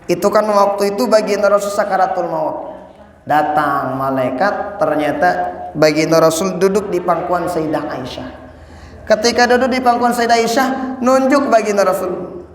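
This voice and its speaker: A man preaching an animated sermon, speaking straight to his congregation and chanting lines of the creed. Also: sits high, normal speed. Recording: echoey hall.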